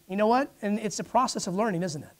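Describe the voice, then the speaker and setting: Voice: medium pitch, fast. Preacher, sermon, calls for responses, acts out scripture dialogue. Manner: acts out Bible figures in dialogue.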